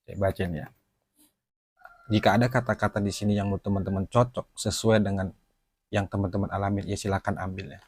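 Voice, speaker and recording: A man giving an emotional personal testimony to his viewers, talking haltingly and apologizing for stumbling over his words. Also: fairly low pitch, darkish tone, slightly rough, dry recording. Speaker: channel host.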